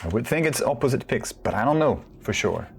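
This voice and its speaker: A man's voice: mid-range voice, big pitch swings, a little fast, creaky, a little hiss or hum. A man giving casual solo commentary on a competitive video game match, rambling with self-deprecating asides.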